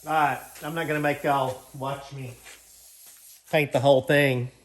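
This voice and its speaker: With a steady tone and a mid-range voice that runs a little slow, an American man chats to viewers while working on projects in his garage and yard. The host of a garage project vlog, he keeps things folksy and informal, thinking aloud.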